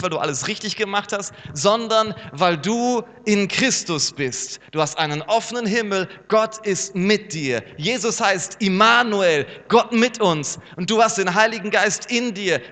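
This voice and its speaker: A man preaching a sermon as pastor, lively and animated, sometimes acting out the voices he quotes. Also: sits high. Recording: long reverb with mains hum.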